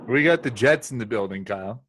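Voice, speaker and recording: A man's voice: mid-range voice, expressive, a little fast, noisy background. A man co-hosting a casual sports podcast, ribbing the others and laughing often. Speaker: podcast co-host.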